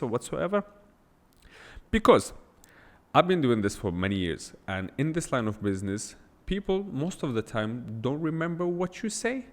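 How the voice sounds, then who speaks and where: Recorded in a large hall, a man with a medium-pitched voice delivers an unscripted solo podcast monologue as its host. He is blunt and emphatic, firing off rhetorical questions, and English is not his first language.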